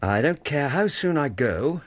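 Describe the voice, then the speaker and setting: An actor playing a loyal, excitable Victorian doctor in a radio drama, English, with an earnest and slightly hesitant manner. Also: male voice, a little high. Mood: reading gravely. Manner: earnest, warm, hesitant, quick to indignation.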